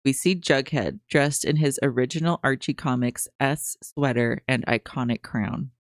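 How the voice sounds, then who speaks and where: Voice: medium pitch, steady tone, moderate pace, no room sound, studio quality. A podcast co-host recapping a TV episode, reading the notes in a put-on newscaster style between casual chat.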